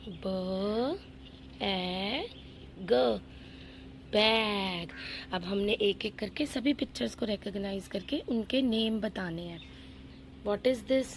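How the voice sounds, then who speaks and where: A young woman teacher with an Indian English accent draws out every word very slowly in a sing-song voice for small children. Her voice has a gravelly, creaky edge, and a faint hiss of noise sits behind it. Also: medium pitch. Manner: slow, sing-song drawn-out words with frequent questions. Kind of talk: phonics lesson for young children.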